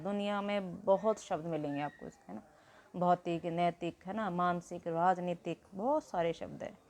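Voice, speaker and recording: A woman's voice: on the low side, darkish tone. A woman teaching a Hindi grammar lesson, explaining step by step and asking questions she answers herself.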